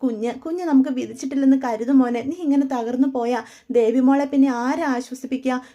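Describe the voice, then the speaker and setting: Woman doing a gentle consoling old father. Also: high-pitched, steady tone, fast, highs cut off. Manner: soothing, coaxing.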